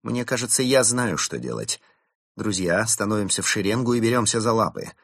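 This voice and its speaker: A man voicing a calm, clever male animal who leads his friends with quiet, steady commands. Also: lowish voice, a little fast, no room sound, clean studio sound, pitched above the performer's own voice. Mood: calm commanding.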